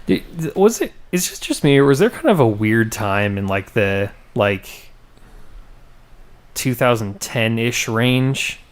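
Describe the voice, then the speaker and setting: A man's voice: mid-range voice, lively intonation, measured pace. A man co-hosting a casual gaming podcast, swearing freely, laughing often and trailing off mid-sentence. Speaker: podcast co-host.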